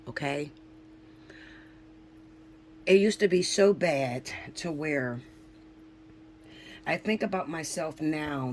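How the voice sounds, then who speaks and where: With a bass voice and a little hiss or hum on the recording, this woman in her forties gives a casual spiritual vlog talk. She's emphatic and preachy, curses freely, and repeatedly asks her viewers "okay?".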